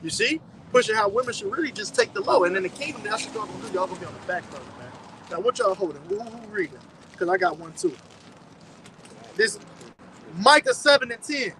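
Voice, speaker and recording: A man's voice: high-pitched, sing-song, brisk, noisy background. A man leading a loose, streetwise Bible study discussion, reading scripture and preaching casually to a group.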